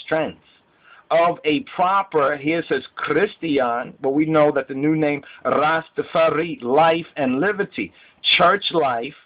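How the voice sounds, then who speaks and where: On a muffled recording, a man with a voice on the high side teaches scripture in Rastafari speech. This religious teacher repeats phrases emphatically and keeps checking in with his listeners by asking "right?"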